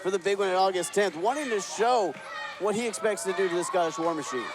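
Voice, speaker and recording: A man's voice: high-pitched, fast, noisy background. A man calling wrestling play-by-play, sarcastic and exasperated with his broadcast partner. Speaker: play-by-play commentator. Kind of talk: wrestling commentary.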